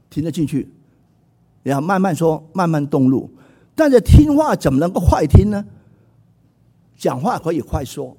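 A middle-aged man preaching a sermon, animated and acting out voices in his stories. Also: fairly high pitch, husky. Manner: animated, acts out quoted voices.

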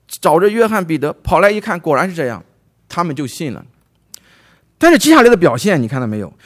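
A man from China preaches a sermon in a lively, animated way, his voice swinging up and down as he retells a Bible story. His voice sits a little higher than most men's, and he keeps putting questions to his listeners.

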